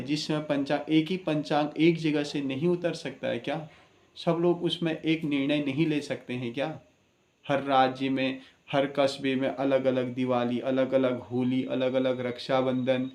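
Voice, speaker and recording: A man's voice: medium pitch, a little mellow, roomy sound. A man, an astrologer, giving an impassioned spoken address, earnest and preaching, with many rhetorical questions.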